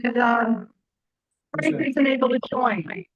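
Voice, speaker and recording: A woman's voice: fairly high pitch, slow pace, no echo. A woman joining a meeting over a video call, explaining connection trouble in a plain, matter-of-fact way, her voice coming through garbled and glitchy. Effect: garbled, glitchy video-call audio. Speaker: remote meeting participant. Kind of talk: casual meeting chat. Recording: dull lo-fi video-call line.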